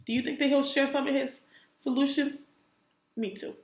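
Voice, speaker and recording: A female kindergarten teacher reads aloud to young children, expressive and encouraging, pausing to ask them questions. Her voice sits high and moves at a moderate pace, and the recording is roomy and echoey.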